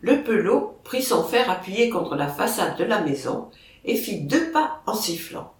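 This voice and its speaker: A reader narrating a novel in a measured, expressive storytelling manner. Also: mid-range voice. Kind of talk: audiobook narration. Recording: roomy, distant mic.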